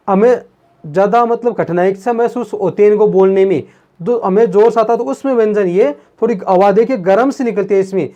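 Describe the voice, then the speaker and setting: A man with a high voice and dark tone explains grammar at a board in a video lesson. He speaks slowly, repeats himself, calls viewers his friends, and answers his own questions.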